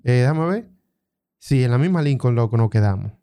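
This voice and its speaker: A man's voice: medium pitch, animated, a little fast, mellow, clean tone. A young man with a Dominican accent casually telling a story to friends, full of street slang.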